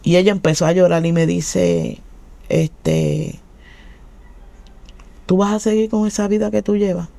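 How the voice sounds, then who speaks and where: A woman's voice: on the low side, expressive, unhurried, creaky, long pauses, warm tone, no echo. A Puerto Rican woman giving her testimony in casual talk, telling her story with animation and acting out what people said. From Puerto Rico.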